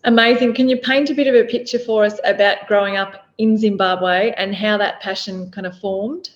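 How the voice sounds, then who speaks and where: A woman's voice: medium pitch, steady tone, moderate pace, dull audio. A woman hosting a podcast, speaking earnestly and admiringly as she opens the show and interviews her guest. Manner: earnest, admiring, with some fillers and restarts. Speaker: podcast host.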